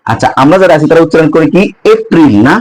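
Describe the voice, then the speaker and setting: A man teaches a pronunciation lesson on English month names to his students. He asks them question after question and repeats each word slowly. His voice sits a bit higher than most men's. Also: fairly even intonation, poor audio. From Bangladesh.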